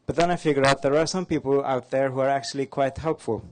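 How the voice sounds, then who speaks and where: Speaking fast in a steady, medium-pitched tone, this conference presenter from Norway, a native Norwegian speaker, rattles through his slides in a conference hall. His manner is cheerful and light-hearted.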